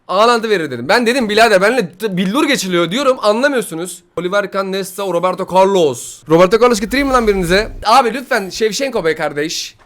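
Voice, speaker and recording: A young man giving excited gameplay commentary while opening player packs, pleading and grumbling in frustration by turns. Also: high voice, fast, hardly any pauses. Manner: swings from pleading to loud frustration.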